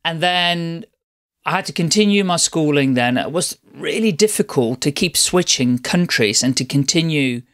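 A middle-aged man tells his own story as a podcast guest. His voice sits a little high for a man, and he rambles warmly from one point to the next, often restarting his sentences. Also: lively intonation, normal speed. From Netherlands. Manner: chatty, rambling, with frequent restarts. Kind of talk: casual interview storytelling.

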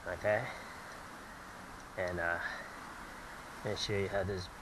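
A man narrates his catch at the water's edge in a slow, somewhat low voice, stumbling over fillers and repeating himself. He is recorded outdoors on a head-mounted camera. Clear outdoor noise and passing traffic sit behind him. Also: little pitch movement. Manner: halting, many fillers and repeats. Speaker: angler filming his catch. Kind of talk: casual fishing vlog narration. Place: outdoors at a pond bank. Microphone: head-mounted action camera.

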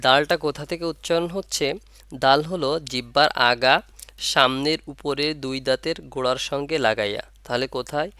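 A man teaching Arabic letter pronunciation, repeating sounds slowly and asking and answering his own questions. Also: medium pitch, bright, forceful tone, clear, resonant tone, no room sound. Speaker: Quran reading teacher. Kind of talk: step-by-step pronunciation lesson.

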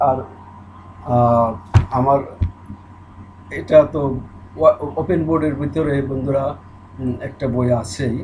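A male teacher works through a textbook, reading each line slowly before explaining it. His voice sits a little high and his pace stays leisurely. Faint background noise hums behind him. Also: a little mellow, poor audio. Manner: reads English lines slowly, then explains in Bengali. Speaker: English teacher.

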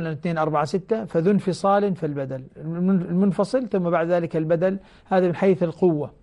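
A man with a fairly high voice teaching the rules of Quran recitation on a television program. He explains each rule step by step and breaks into slow, drawn-out chanting of short example verses. He speaks to his listeners as brothers. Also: darkish tone. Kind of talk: televised tajweed lesson. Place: TV studio.

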